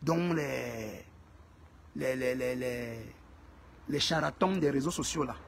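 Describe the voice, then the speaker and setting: A man's voice: medium pitch, slow, creaky, a little hiss or hum. A man hosting a casual live stream, greeting viewers by name and repeating phrases for emphasis.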